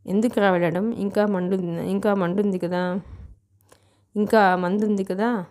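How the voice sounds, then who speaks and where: A woman voicing a boastful, drunk young man who talks loudly and slowly, as in an audiobook reading. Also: high voice, steady tone, clean tone. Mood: drunk, rowdy. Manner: loud, slurred and slow.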